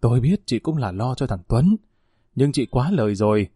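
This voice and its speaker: A man's voice: medium pitch, sing-song, normal speed, dark tone, slightly rough, no echo, studio quality. A man voicing a middle-aged mother who reproaches her in-law in a spoken family drama. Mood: reproachful. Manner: earnest, reproachful.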